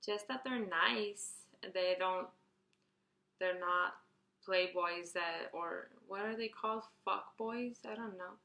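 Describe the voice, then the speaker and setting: Young woman, early twenties, vlogger answering a Q&A, bright chatty tone, echoey room. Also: mid-range voice, slow pace. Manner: chatty, rambling, restarts and fillers, reads questions out brightly. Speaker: beauty vlogger. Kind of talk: casual Q&A tag video.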